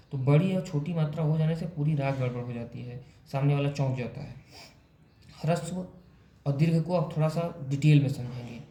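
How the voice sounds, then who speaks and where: A man's voice: on the high side, dark tone, echoey room. A man teaching a lesson, explaining step by step with frequent check-ins and the occasional self-correction. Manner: self-correcting, drawn-out examples. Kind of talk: explanatory lesson on poetic meter.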